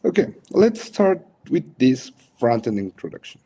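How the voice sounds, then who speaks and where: A young man with a Mexican accent and native Spanish, coaching in a casual, halting livestream chat. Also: mid-range voice, big pitch swings, dark tone, husky. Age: young adult. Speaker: coach hosting a livestream workshop.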